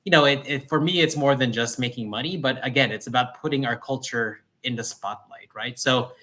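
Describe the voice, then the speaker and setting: Bright-voiced upbeat man. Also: mid-range voice, fairly quick. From New Jersey, US. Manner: energetic, upbeat storytelling with frequent "right?". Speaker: food company founder, guest. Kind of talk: casual interview conversation. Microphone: livestream call microphone.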